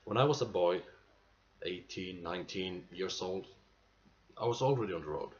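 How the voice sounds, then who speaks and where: A man playing an aging, nostalgic salesman in a dramatic stage monologue, earnest and halting, with emphatic bursts. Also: low voice, close to an everyday voice. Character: aging male salesman, nostalgic, pleading, weary pride. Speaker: actor performing a monologue. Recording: muffled amateur recording with clear background noise.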